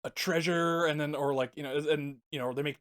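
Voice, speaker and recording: A man's voice: on the high side, fairly even intonation, a little fast, a bit bright. A man in casual podcast chat, his thoughts wandering as he loses and finds the word he wants. He laughs easily between points. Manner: rambling, laughs often, searches for words. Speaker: podcast co-host. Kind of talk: casual chat about card games.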